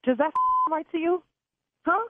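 A woman's voice: very high-pitched, normal speed, no echo. Irate woman on a tinny phone line. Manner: outraged, cursing, loud. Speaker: prank call target. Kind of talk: phone call.

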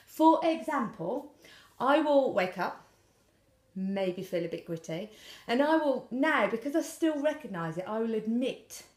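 Brief: middle-aged woman, co-host, bright lively pitch swings, echoey room. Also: a little slow. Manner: animated storyteller, acts out dialogue. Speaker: podcast co-host. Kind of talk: casual chat.

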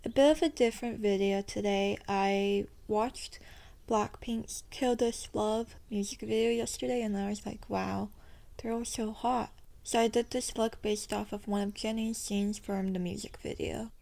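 A woman's voice: mid-range voice, fairly even intonation, moderate pace, vocal fry, mellow. A young woman narrating her makeup tutorial in a chatty, self-deprecating voice-over, her sentences often rising at the end. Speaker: beauty vlogger.

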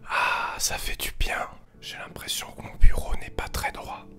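A soothing ASMR whispered role-play performed by a young man as a parody relaxation guide. The voice is all breath, gentle and deliberately calm, delivered close to the microphone with music in the recording. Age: young adult. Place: small bedroom with computer desk, indoors.

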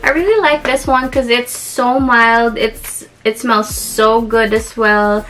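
Chatting casually about a beauty haul, a young Filipino vlogger with a Filipino accent giggles, says um a lot and keeps restarting. Her voice is a little high with a fairly bright tone.

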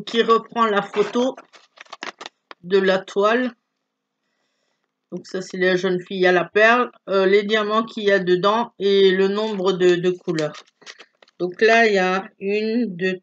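A woman's voice: mid-range voice, a bit bright, slight background noise. Middle-aged woman chatting through a craft haul at home, lots of ums and restarts, kinda dull lo-fi sound. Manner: hesitant, chatty, many fillers and restarts. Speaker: craft vlogger. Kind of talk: casual product show-and-tell. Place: at home, filming her hands.

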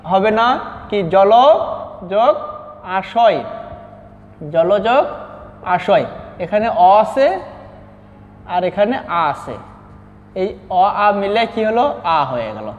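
A man teaching a lesson from slides, asking questions and answering them himself and repeating key words slowly. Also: very high-pitched. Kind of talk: classroom lesson over slides. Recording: dull reverberant recording.

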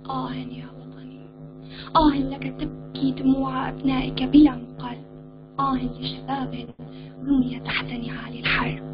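A woman gives an emotive, expressive reading of her short story in a high voice. The recording sounds dull and lo-fi, with music clearly audible behind her. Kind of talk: dramatic literary reading.

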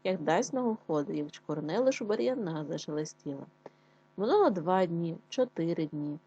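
A woman teacher giving a reading lesson, pronouncing words slowly and clearly, then reading a fairy tale aloud. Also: on the low side, lively intonation, mellow, no room sound, muffled recording. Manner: slow, careful enunciation of words. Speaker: primary school teacher.

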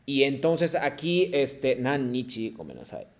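A man leads a language class and moves between Spanish and Japanese. He speaks patiently, repeating each phrase so the students can copy it, at an ordinary pitch for a man. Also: animated, measured pace, a little mellow. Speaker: Japanese teacher.

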